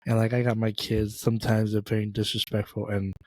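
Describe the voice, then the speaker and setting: A man's voice: on the low side, little pitch movement, a little fast, darkish tone, dry recording. A man from Thailand co-hosting a casual faith podcast, talking in an emphatic, joking way. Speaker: podcast co-host.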